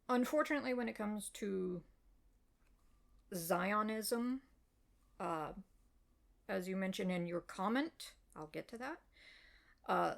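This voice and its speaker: An American woman, an author, calmly replies to a reader's comment in a measured, explanatory way with frequent fillers. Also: mid-range voice, creaky. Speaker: web fiction author. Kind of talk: reply video addressing a reader's comment.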